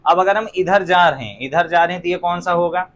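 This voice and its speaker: High-voiced male physics teacher lecturing a class. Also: a little fast, a bit bright, a little hiss or hum. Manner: quizzing students with frequent rhetorical questions; joking asides. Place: classroom with students.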